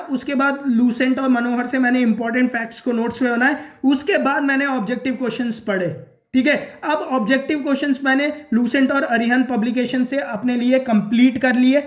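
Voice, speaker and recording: A man giving a casual exam-prep lesson, repeating his points and checking in with "okay?" and "clear?". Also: extremely high pitch, echoey room. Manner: repeats points, addresses viewers as guys and friends.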